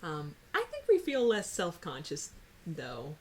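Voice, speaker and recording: A woman's voice: deep voice, huge pitch swings, measured pace, a little hiss or hum, rough recording. A woman co-hosting a casual chat, playful and teasing as she talks. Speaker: co-host.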